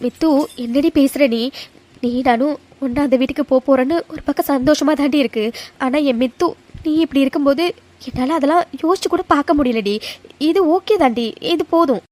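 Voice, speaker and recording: A woman's voice: high voice, brisk, a little mellow, natural voice. A woman voicing a caring young woman in a cartoon who soothes her friend. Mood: soothing. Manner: soothing, insistent. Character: caring young woman, devoted friend, gentle but firm. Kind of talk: cartoon voice acting.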